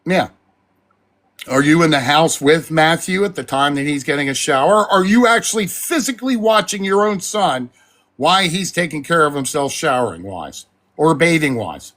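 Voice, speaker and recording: High, lively-pitched ranting man. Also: moderate pace. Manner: swearing, swings between shouting and apologizing. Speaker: livestream commentator. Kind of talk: heated livestream rant.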